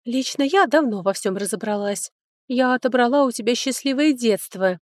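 A sharp-tongued young noblewoman, put on by a female audiobook reader, her voice lifted noticeably higher than the narration and edged with mockery. Dry, close recording with no room sound. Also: expressive, dry recording, natural voice. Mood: sarcastic. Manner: mocking, biting, quick to snipe. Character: sarcastic, touchy young noblewoman, younger sister. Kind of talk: audiobook character voicing.

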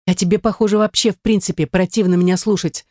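An audiobook reader voicing a distressed young ex-wife who pleads in a raised, defensive voice. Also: female voice, mid-range voice, fairly even intonation, quick pace, darkish tone, no echo, studio quality, voice pushed up, natural voice. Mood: upset. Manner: pleading, rising voice. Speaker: audiobook character. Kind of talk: audiobook reading.

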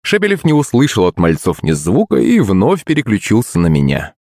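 A man's voice: on the low side, huge pitch swings, a little fast, a little mellow, no room sound, studio quality. A man reading a first-person audiobook story in a wry, ironic manner.

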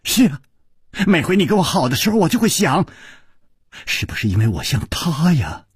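A man voicing a sly young woman who teases and taunts in murmured half-whispers, with a very husky voice. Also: low voice, very animated, normal speed, no room sound, studio quality, full character voice. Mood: taunting.

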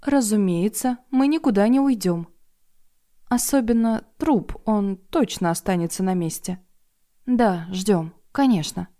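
A woman voicing an indignant, sharp-tongued middle-aged woman who talks loudly and sarcastically. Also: mid-range voice, a little slow, pitched above the performer's own voice, lightly acted. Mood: wry. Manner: loud, exasperated and sarcastic.

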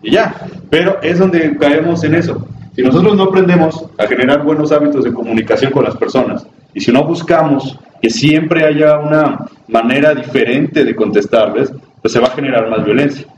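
A Mexican-accented man gives a conversational talk to an audience, often turning to the listeners with questions. He is picked up from some way off in an echoey room. The sound is dull and muffled, with steady noise underneath. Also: fairly high pitch, normal speed. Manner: chatty, asks the audience questions, acts out quoted people. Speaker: psychologist giving a talk. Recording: distant, dull, noisy, roomy recording.

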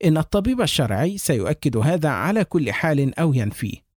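A man's voice: a little high, big pitch swings, fast, darkish tone, dry recording, clean studio sound. A man voicing a seasoned police lieutenant colonel who reasons grimly and plainly through a death. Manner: grim, matter-of-fact reasoning.

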